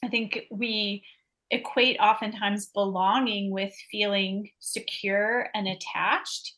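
A middle-aged woman, a guest on a podcast, talking reflectively and thinking aloud in a relaxed interview. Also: mid-range voice, slow.

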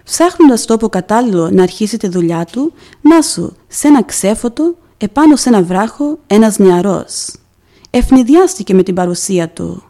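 A woman presents a devotional program in scripted narration. She reads in a measured, solemn way, pausing for emphasis. Her voice is mellow and warm, at a middling pitch. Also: expressive. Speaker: podcast presenter.

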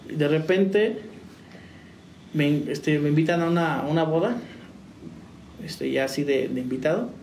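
Gravelly man, far in a roomy space. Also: a little high, a little slow, darkish tone. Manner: rambling, with many restarts and laughs. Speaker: musician guest. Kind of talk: casual interview storytelling. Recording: roomy, distant, faint noise.

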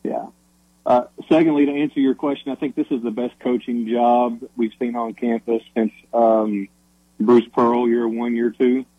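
A man calling in to a radio sports show over a phone line, giving his opinions in a thoughtful, halting way. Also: medium pitch, flat delivery, no echo. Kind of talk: casual sports talk call-in. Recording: muffled dry phone-line audio.

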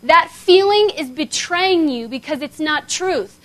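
High-voiced woman in her thirties, preaching. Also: unhurried. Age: 30s. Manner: animated, conversational, frequent "okay?" checks. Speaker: seminar speaker. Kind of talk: sermon-style talk. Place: seminar hall before an audience.

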